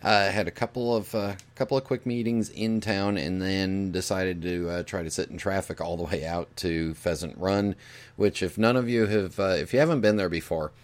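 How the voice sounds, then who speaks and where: A man with a low, gravelly voice talks as the host of a casual radio-style show. His delivery is folksy and halting, like an informal monologue to regular listeners.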